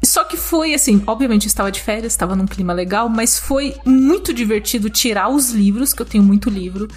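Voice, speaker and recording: A woman's voice: a little high, brisk, husky, faint music behind. A woman hosting a podcast, chatting enthusiastically. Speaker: podcast host. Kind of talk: casual chat.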